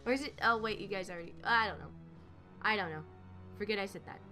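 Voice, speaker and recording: A woman reacts to a video in a bright, crisp-edged voice at an ordinary pitch. She talks casually, with sarcastic asides, as a reaction video host. Music plays softly behind her. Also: fast.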